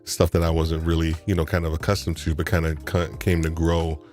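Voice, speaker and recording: Deep-voiced New man, rambling host. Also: level tone, fairly quick, a little mellow, soft background music. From New York. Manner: rambling, with frequent restarts and repeated words. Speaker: live stream host. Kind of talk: casual live stream chat.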